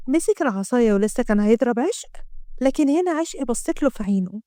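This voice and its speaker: A woman with an Egyptian accent narrating a dramatic story in a brisk way. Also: a little high, animated, dark tone, dry recording, clean studio sound.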